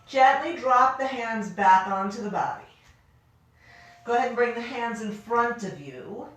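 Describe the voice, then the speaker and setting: A woman with a fairly high voice leads a yoga class. She gives careful, unhurried cues with easy, encouraging informality. The room is very echoey and she sounds distant from the microphone. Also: expressive. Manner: careful, unhurried, gentle step-by-step cueing. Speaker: yoga instructor. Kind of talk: guided yoga class instruction.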